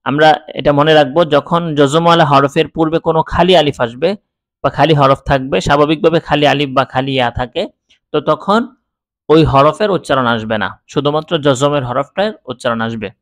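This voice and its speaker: Bengali man slowly spelling Quran words. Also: a little high, no room sound. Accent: Bangladeshi Bengali. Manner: spells out letters slowly, then reads each word twice. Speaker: Quran reading teacher. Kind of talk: step-by-step recitation lesson.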